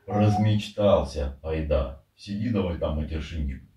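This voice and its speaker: A man's voice: extremely low pitch, expressive, unhurried, warm tone. A man casually teasing his pet in short, bantering remarks. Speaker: parrot owner. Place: indoor room at home. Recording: roomy, distant microphone.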